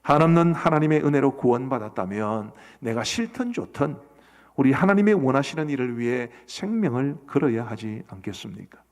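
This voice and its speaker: Middle-aged male pastor, gravelly mid-range voice, earnest questioning sermon, long church reverb. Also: mid-range voice, expressive, a little fast. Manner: earnest, asks the congregation questions. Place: church sanctuary.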